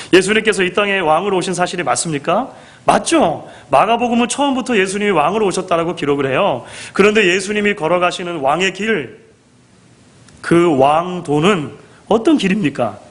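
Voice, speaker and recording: A man preaching a sermon, his voice sitting a little higher than most men's and swinging widely in pitch. He speaks in an animated way, acting out quoted lines, and keeps asking his listeners questions. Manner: asks the congregation rhetorical questions. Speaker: pastor.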